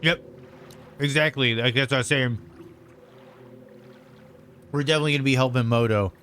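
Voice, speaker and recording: A man casually commenting on his video game stream in a rambling, relaxed way, eating lunch as he talks. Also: mid-range voice, normal speed, a little hiss or hum. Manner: rambling, relaxed, lots of fillers. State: eating while talking.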